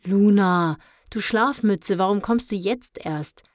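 A woman's voice: medium pitch, takes it slowly, no echo, clean studio sound, lightly acted. A woman voicing a skeptical young boy who teases and dismisses his friend, in a children's storybook reading. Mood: teasing. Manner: mocking, dismissive.

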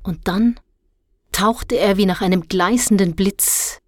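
A woman narrating a story in a measured, steady reading manner. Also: medium pitch, dry recording, clean studio sound. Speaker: audiobook narrator. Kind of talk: scripted narration.

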